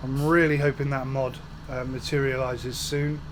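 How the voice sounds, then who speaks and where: At a moderate pace, this UK gaming host talks to his viewers in a mid-range voice as he plays through a farming game. He sounds relaxed and chatty, though a flu coming on makes him a bit off, with faint game engine noise in the background.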